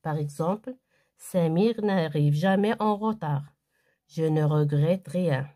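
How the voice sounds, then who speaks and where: A woman teaches a grammar lesson. She reads each textbook sentence aloud very slowly and then gives its answer. Her voice sits on the low side. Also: dark tone. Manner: slow and deliberate, reading aloud then answering each exercise. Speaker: primary school teacher.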